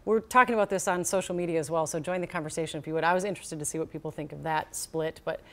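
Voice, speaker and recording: A woman's voice: deep voice, rapid-fire, a bit bright. Upbeat woman TV news anchor. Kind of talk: live studio chat. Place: TV news studio.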